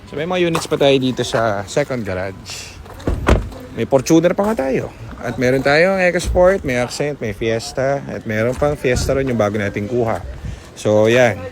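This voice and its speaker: A man's voice: mid-range voice, expressive, moderate pace. A man from the Philippines, a used car seller, chatting and joking as he shows off cars in a casual vlog at a parking garage. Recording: noisy outdoor ambience.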